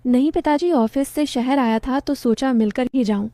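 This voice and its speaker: एक महिला कहानी में एक विनम्र, प्रेम में डूबे युवा पति की आवाज़ देती है।. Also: female voice, sits high, normal speed, dark tone, no room sound, natural voice. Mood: polite. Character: young husband, polite, lovestruck.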